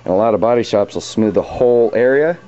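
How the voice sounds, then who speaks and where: Showing auto body repair work himself, a plain-spoken man talks through the job in a casual, slangy tutorial. He speaks quickly and animatedly in a warm, lowish voice. Radio music plays behind him, and the recording sounds dull and lo-fi.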